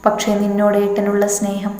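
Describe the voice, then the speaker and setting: A woman voicing a gentle, caring older sister-in-law who speaks in a soft, earnest, confiding way. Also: mid-range voice, monotone, brisk, natural voice. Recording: echoey room with long reverb.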